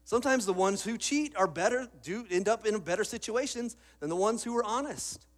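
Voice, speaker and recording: High-voiced man preaching. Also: brisk. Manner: casual storytelling with repeated restarts. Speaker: pastor. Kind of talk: sermon.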